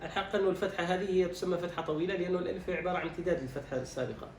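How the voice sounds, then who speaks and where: A man teaching Quran recitation, quizzing his student and drawing out words slowly to demonstrate them. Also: high voice, steady tone, creaky. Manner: instructive, quizzes and demonstrates slow drawn-out words. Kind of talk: recitation lesson, correcting a student. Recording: roomy echo, distant mic, faint noise.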